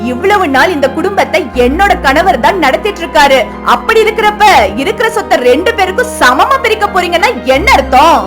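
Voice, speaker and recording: A woman's voice: very high-pitched, animated, fairly quick, over music. A woman voicing a greedy, scheming young wife in a cartoon, talking in a nagging, sarcastic way. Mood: indignant. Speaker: elder daughter-in-law. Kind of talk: cartoon voice acting.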